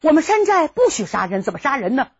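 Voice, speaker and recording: A woman voicing a pretty, bold young maid who speaks in a high, chirpy, coquettish way, on a dull lo-fi recording. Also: sing-song, fast.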